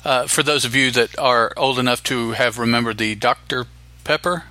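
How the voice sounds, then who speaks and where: A man co-hosting a podcast in casual chat, hesitant and halting with many restarts. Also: mid-range voice, pushed and bright, no room sound. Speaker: podcast co-host.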